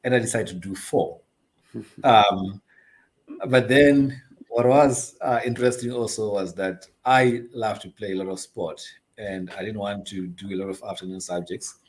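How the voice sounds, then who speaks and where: This guest is a middle-aged man from Zimbabwe who runs an investment advisory company, speaking in a fairly low, fairly even voice at a slightly slow pace. The recording is rough. He recounts his story in a chatty, halting manner, with frequent ums, uhs, and easy laughter.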